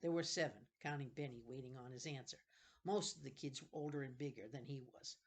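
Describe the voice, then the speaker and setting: Her voice is a rumbling low one, and she moves along fairly quickly. She reads the children's novel expressively, breaking off for offhand remarks and pausing to correct the occasional misreading.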